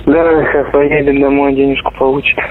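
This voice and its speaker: A young man speaks in a flat, laconic voice, matter-of-fact and casual. He sounds like a soldier calling home over a tinny, narrow phone connection. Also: medium pitch, fairly quick, slight background noise. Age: young adult. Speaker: soldier calling his mother. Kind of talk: casual private phone conversation. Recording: muffled, narrow intercepted phone line.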